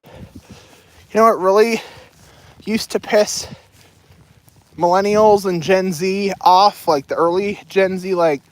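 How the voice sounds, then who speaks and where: A woman's voice: mid-range voice, steady tone, takes it slowly, pauses often. A young adult woman chatting casually to her viewers while she walks outdoors with a loaded backpack, rambling from one topic to the next. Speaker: livestreamer. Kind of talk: casual walking livestream chat. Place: outdoors on a walk.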